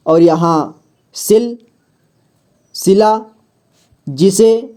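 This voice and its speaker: A teacher walks beginners through a reading lesson in voice-over, speaking unhurriedly and sounding out every word. The voice is warm and relaxed. Each word is repeated, and a question to the learner is answered right away. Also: medium pitch. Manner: patient, repeats words and checks with "ठीक है"; asks the viewer questions, then answers them.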